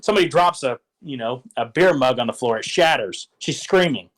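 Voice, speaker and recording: A man's voice: mid-range voice, animated, brisk, a bit bright, poor audio. A man casually explaining how to run a tabletop game, rambling with lots of fillers and restarts. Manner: rambling, filler-heavy, enthusiastic. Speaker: game master giving advice. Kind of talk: casual instructional talk.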